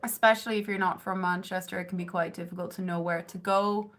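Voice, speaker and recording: Speaking fast in a lowish, steady, fairly bright voice, a southern Irish beauty streamer in her thirties does her makeup at home in her bedroom and replies to viewers. She is close to her webcam or phone camera, talks in a rambling way with lots of "like" and "um," and coos at her cat now and then.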